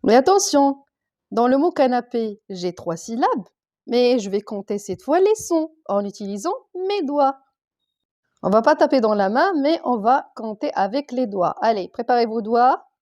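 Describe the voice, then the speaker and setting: Primary school teacher, female, slightly high voice, patient and deliberate, breaks words into sounds. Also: animated, a little mellow. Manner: slow, clear, sounding out letters and syllables for young children. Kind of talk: primary school reading lesson.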